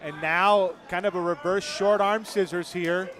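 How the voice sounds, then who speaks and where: High-pitched male wrestling commentator over crowd noise. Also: fairly even intonation, measured pace. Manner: calls moves in short bursts, raising his voice to shouts at big action. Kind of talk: live play-by-play wrestling commentary. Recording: noisy live event, loud crowd around him. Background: crowd noise of a live wrestling event.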